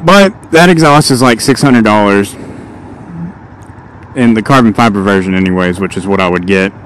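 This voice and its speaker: A man's voice: fairly low pitch, moderate pace, poor audio. A man talking casually from inside a motorcycle helmet as he rides, vlogging in a rambling, slightly distracted way. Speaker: motovlogger. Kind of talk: casual vlog monologue while riding a motorcycle. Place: outdoors, riding a motorcycle in traffic. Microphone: microphone inside a motorcycle helmet. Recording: inside a helmet, loud road and engine noise. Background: loud traffic, vehicle and wind noise.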